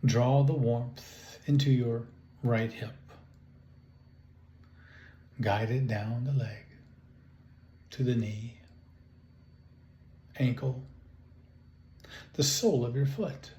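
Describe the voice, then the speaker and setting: In a room with noticeable echo and a little background noise, a male guided-imagery teacher walks listeners through a meditation. His medium-pitched voice stays calm and soothing, with slow instructions and long pauses.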